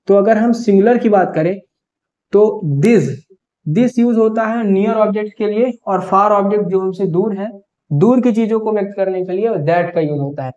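A male teacher giving a grammar lesson for exam students, explaining step by step and slowing down to spell out example sentences. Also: sits high, dark tone, dull audio.

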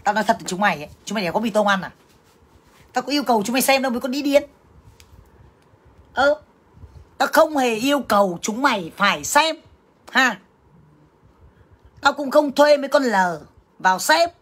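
In an angry livestream rant, a woman with a highish voice and lively intonation speaks at normal speed, leaving long pauses. She curses and scolds crudely and combatively, addressing viewers directly as sisters.

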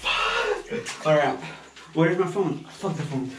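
A man's voice: sits high, huge pitch swings, slow. A young man chatting casually and reluctantly to camera in a vlog, swearing and exclaiming in slang. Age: young adult. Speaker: vlogger doing a challenge. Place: small tiled home bathroom. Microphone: camera set a few feet away. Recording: echoey bathroom, distant mic, noisy.

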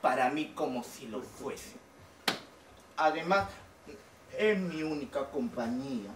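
A man's voice: mid-range voice, animated, takes it slowly. An echoey, distant stage recording with faint noise carries a man acting a fussy, earnest pet owner in a comic play. He is exclamatory and solemn, doting on his odd animal. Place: small theatre stage indoors. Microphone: distant camera.

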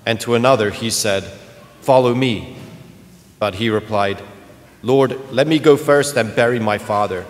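A clergyman with a medium-pitched voice reads the gospel and delivers a homily in a large church at a measured pace, pausing often. His earnest speech involves searching for words and frequent restarts, and the recording has long, cathedral-like church reverb and faint room noise.

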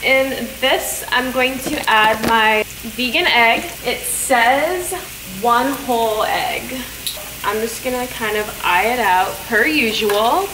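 A woman in her twenties, her voice on the high side and her pace slow, chats through a cooking session in her home kitchen. She hosts the vlog series, keeps it casual and talkative, and talks tenderly to her pets. There's background noise and music, and the room echoes.

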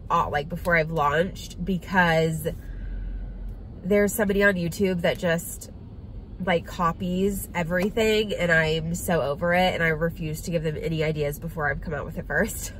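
A woman's voice: on the low side, rough recording. A woman, chatting casually to her viewers while she drives, with lots of ums and likes. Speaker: vlogger. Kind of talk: casual car chat. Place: inside a car. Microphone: phone camera on dashboard. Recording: phone recording in a moving car with road noise. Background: car and road noise.

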